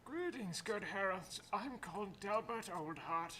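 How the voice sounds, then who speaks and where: Courtly old gentleman with a bright, high-set voice, played by a male streamer reading game lines. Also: lively intonation, a little slow, a little hiss or hum, full character voice, low-quality recording. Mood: formal. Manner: stately, old-fashioned formal speech. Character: bent old man, formal and courteous elder. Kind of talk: reading game dialogue aloud.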